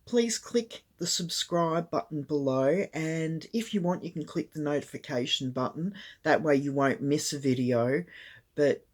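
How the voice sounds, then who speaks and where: An older woman with a croaky voice, chatting casually to camera as a craft channel host, rambling with lots of ums, recorded on a tablet. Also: sits low, measured pace, darkish tone. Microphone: tablet camera mic.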